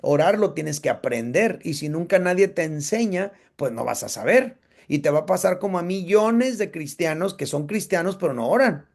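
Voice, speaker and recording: Male Bible class teacher, fairly high, gravelly, casual and conversational. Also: darkish tone. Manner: conversational, checks in with listeners.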